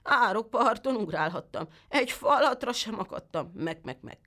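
A woman voicing a sly, lying female goat who whines in drawn-out sing-song rhymes and bleats. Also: a little high, animated, bright, forceful tone, voice pushed up. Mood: complaining.

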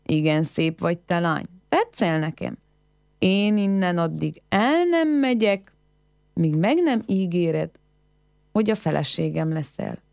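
A woman's voice: fairly low pitch, big pitch swings, gravelly, a little mellow, no echo, studio quality. A woman voicing a discharged soldier, a plain-spoken man who asks blunt questions.

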